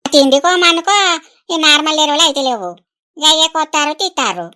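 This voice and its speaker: In this cartoon, a woman plays an older village aunty who talks with plenty of fuss and affection. Her voice sits very high and sounds bright and sharp, quick to chide and to sympathise. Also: animated. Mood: chiding chat. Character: talkative older village woman, fretful and caring. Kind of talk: animated village comedy voice acting.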